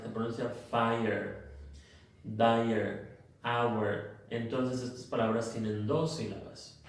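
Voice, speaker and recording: Slow male teacher in echoey room. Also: mid-range voice, darkish tone. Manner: slow, methodical, drills word lists. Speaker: English teacher. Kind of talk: recorded phonics lesson. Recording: echoey room, mic far off.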